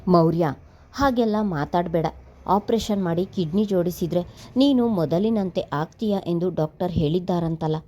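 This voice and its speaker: A woman's voice: lowish voice, moderate pace, warm tone, natural voice. A woman voicing a grieving middle-aged mother who pleads tearfully with her grown sons in a storybook reading. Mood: pleading.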